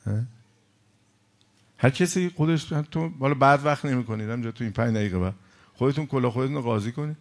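A man preaching a sermon, passionate, moving between loud outbursts and hushed storytelling. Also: medium pitch, long pauses.

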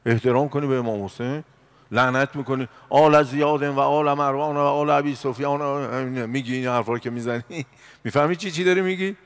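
Gravelly-voiced man preaching a sermon. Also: fairly even intonation. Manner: swings from loud exhortation to low murmuring.

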